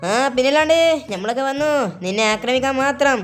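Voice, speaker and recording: A cheeky young boy gang leader, voiced by a woman in a game role-play, shouty and bossy. The voice sits raised and lively, pushing hard on every order, with faint music underneath. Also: high-pitched, quick pace, pitched above the performer's own voice, lightly acted. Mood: cocky.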